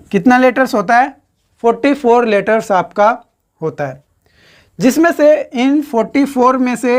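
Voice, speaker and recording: A woman teaching an exam-prep lecture in speech, counting syllables aloud and repeating each question and answer for her students. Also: fairly high pitch.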